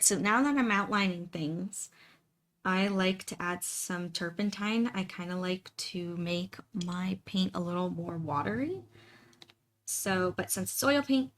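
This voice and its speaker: A woman's voice: lowish voice, unhurried, slight background noise. A woman hosting a painting livestream, chatting casually and informally as she works. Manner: greets viewers by name, informal. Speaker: live stream host, painter.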